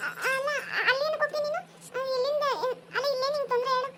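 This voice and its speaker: A woman voicing a shrill, clingy cartoon mother. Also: flat delivery, very fast, bright, forceful tone, a little hiss or hum. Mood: pleading. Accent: Kannada. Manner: pleading, emotional, scolding toward her daughter-in-law. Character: aging mother, clingy, pleading, devoted to her son. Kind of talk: cartoon dubbing.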